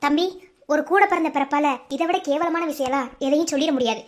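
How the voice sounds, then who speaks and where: A woman plays a proud young collector in a cartoon, scolding her brother with firm contempt in a Madurai Tamil accent. The voice is very high, pushed down a little to sound stern and weighty. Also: brisk, natural voice. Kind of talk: cartoon dub acting.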